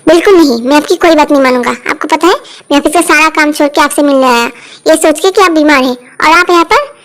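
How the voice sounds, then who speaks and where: A woman's voice: high-pitched, fast, close to an everyday voice. A woman voicing a stubborn, impatient young grandson who talks in an irritated tone. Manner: pleading then irritated, stubborn.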